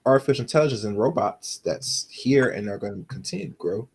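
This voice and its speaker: A man's voice: mid-range voice, lively intonation, brisk, creaky, slightly rough. A man in casual chat, rambling with lots of fillers while making his argument.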